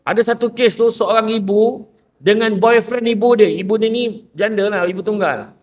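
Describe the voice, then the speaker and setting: A man's voice: sits high, moderate pace. Distant man with a Malaysian Malay accent. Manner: animated storyteller who acts out quoted voices. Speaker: panelist and motivational speaker. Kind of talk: lively debate talk show. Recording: distant, dull lo-fi sound.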